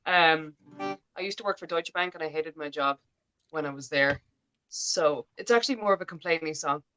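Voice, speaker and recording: A woman's voice: deep voice, normal speed, fairly bright tone. A woman, a musical guest, introducing her song in a hesitant, casual way, with many fillers. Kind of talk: casual spoken intro between songs. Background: guitar.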